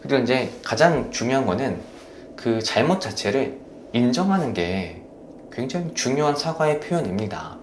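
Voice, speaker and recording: A man hosting a live stream on marriage, gently coaching and praising viewers as he reads their comments. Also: mid-range voice, expressive, normal speed, reverberant, a little hiss or hum.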